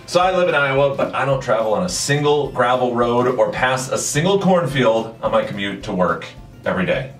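A man in his thirties from the Chicago suburbs talks to camera with a dry, mock-indignant edge. His pitch swings widely. He sounds a bit distant in an echoey room with faint music. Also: animated, a little fast. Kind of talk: dry comic monologue to camera. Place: indoor studio set.

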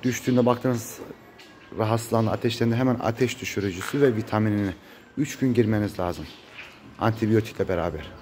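This man's voice sits lowish and a little mellow, and he talks fairly quickly despite the congested, muffled sound of his cold. A cattle farmer, he chats casually with vlog viewers while holding his phone in an open-sided, metal-roofed barn, where the recording picks up lots of noise.

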